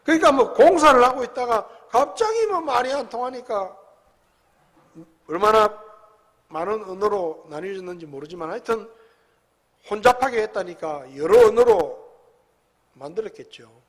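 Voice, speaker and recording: A man preaching a sermon as pastor in a church sanctuary, talking conversationally, with big swings between loud and soft. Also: sits high, animated, normal speed, long pauses. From South Korea. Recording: long hall reverb.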